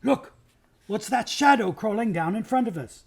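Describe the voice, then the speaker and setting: A man reading aloud, voicing an eager, impulsive boy king who calls out with excitement in a storybook reading. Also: on the high side, fairly quick, slightly rough. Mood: excited. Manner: shouting with excitement.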